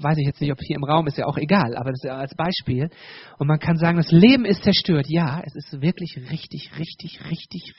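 Husky preacher man giving a sermon. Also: on the high side, dry recording, highs cut off. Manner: direct, addresses the congregation, many restarts. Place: church.

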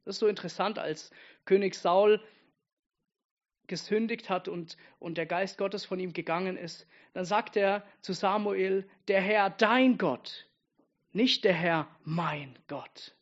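A man preaching an earnest Advent-style sermon, dropping soft and intimate, then rising to emphatic. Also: sits high, slow, highs cut off.

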